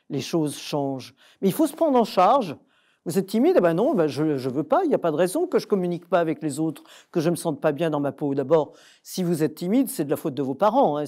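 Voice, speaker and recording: A woman's voice: lowish voice, warm tone. An older Frenchwoman answering audience questions at a talk, emphatic and direct, with many hesitations. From France.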